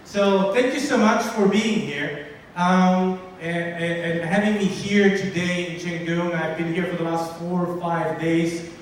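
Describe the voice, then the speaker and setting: A man in his forties from Sicily with an Italian accent, giving a lively, interactive conference keynote and polling the audience. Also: high-pitched, measured pace. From Sicily, Italy. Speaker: keynote speaker. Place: large hall with an audience. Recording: echoey hall, distant mic, faint noise.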